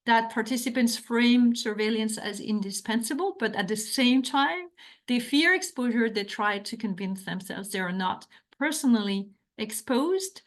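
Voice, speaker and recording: A middle-aged French woman with a French accent, an academic author, gives a talk and answers questions. Her voice sits on the high side at a normal speed, and she comes across as earnest but hesitant, often restarting her sentences.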